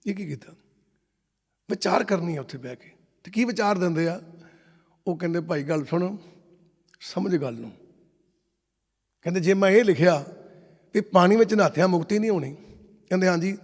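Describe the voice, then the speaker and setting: Man preaching, storytelling, voice a bit high, big echoey hall. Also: expressive, moderate pace, long pauses, a little mellow. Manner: storytelling, acts out dialogue in quotes. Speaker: Sikh preacher. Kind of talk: sermon. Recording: long hall reverb.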